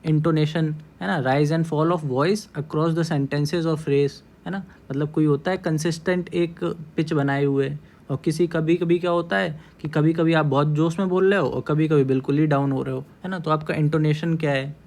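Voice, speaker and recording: A man's voice: fairly high pitch, steady tone, normal speed, a little mellow. A male coaching teacher giving a casual lecture, explaining step by step, mixing English terms into his talk and checking in with "है ना?" after nearly every phrase. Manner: mixes English terms into Hindi.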